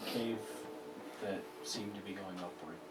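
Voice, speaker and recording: A man's voice: deep voice, measured pace, soft background music. Man player thinking aloud, far off. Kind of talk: casual tabletop play. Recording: echoey room, far from mic, noisy.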